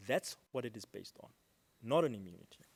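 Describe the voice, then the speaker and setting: A man speaking as counsel for a state at an international court hearing, giving a formal legal argument in a measured way with frequent ums, recorded on a desk microphone in a courtroom. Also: lowish voice, animated, gravelly, slightly rough. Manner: measured, with frequent ums and stresses on key words.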